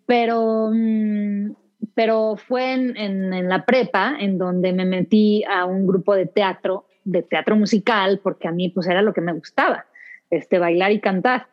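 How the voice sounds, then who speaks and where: A woman with a Mexico City Spanish accent talks as a guest in a relaxed interview, rambling through her story with plenty of restarts. Her voice sits at a middle pitch. The recording sounds dull and lo-fi. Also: unhurried. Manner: chatty, many restarts and fillers. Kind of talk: casual interview conversation.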